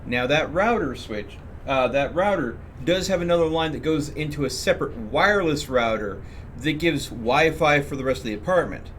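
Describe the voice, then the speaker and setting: A live streamer with a slightly high, somewhat bright and animated voice talks casually about his gameplay at normal speed, explaining things step by step in a rambling way. Background noise is clearly audible in the recording.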